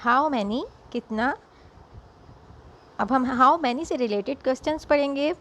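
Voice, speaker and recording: A woman teaching English, saying each sentence slowly twice and then translating it quickly. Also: high voice, fairly bright tone. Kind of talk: slow classroom drill for learners.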